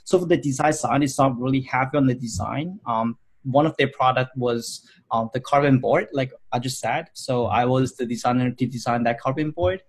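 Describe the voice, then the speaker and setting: This thirtysomething Hong Kong man has a husky, medium-pitched voice and a moderate pace. Responding to interview questions about his design career, he rambles, often using fillers and restarting.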